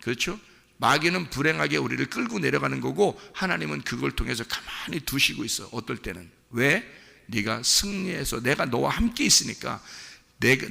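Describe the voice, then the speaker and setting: Gravelly-voiced pastor preaching in a church hall. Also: male voice, mid-range voice, sharp tone. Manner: earnest, conversational preaching, addressing listeners as 'you'. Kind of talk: sermon. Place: church sanctuary.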